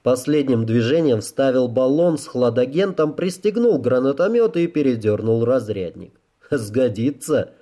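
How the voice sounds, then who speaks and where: A man reading an audiobook as its narrator, in steady, even scripted narration. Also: medium pitch, normal speed, few pauses.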